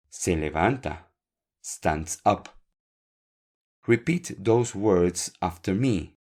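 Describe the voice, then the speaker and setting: On a Spanish-learning podcast, a low-voiced man speaks in a slow, clear way, going over words repeatedly for his learners and offering them encouragement.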